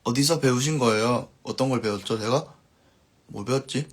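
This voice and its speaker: A band musician chats casually on his live stream at normal speed, reading viewer comments aloud in a medium-pitched voice, his sentences softly trailing off at the ends.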